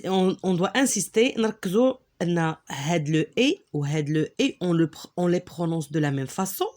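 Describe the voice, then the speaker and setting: Patient Moroccan woman teaching reading. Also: fairly low pitch. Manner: slow, drawn-out syllable drills, patient and encouraging. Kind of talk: reading lesson, code-switching.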